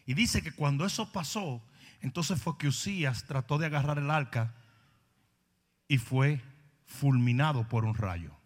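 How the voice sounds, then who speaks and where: A man preaching a sermon, animated storytelling that rises to shouting. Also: medium pitch. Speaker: pastor. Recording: long hall reverb.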